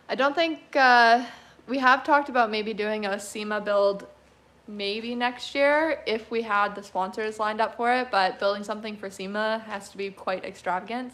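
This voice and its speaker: A woman's voice: mid-range voice, a bit bright. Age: 20s. Sex: woman. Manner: chatty, easygoing. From Canada. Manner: chatty, easygoing, laughs often. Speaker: car restoration creator. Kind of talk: casual livestream Q&A reading chat.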